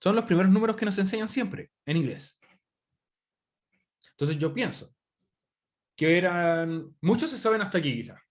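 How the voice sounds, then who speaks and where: A man's voice: high-pitched, lively intonation, normal speed, long pauses. A man from Chile, teaching an online English class in Spanish, often checking in with students. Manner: chatty, asks students questions often. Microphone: computer microphone on a video call.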